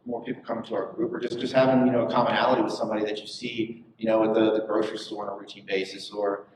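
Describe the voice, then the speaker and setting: A man leading a church small group, sharing in a halting way full of fillers. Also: on the low side, little pitch movement, a little mellow, slight background noise. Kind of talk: casual testimony. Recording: echoey room from a distant mic.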